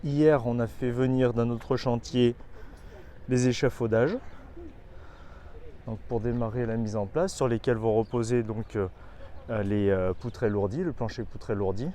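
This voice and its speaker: A man's voice: medium pitch, fairly even intonation, measured pace, dark tone, a little hiss or hum. A man giving an informal on-site walkthrough of a building site, explaining the work with some hesitant fillers. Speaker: construction company guide.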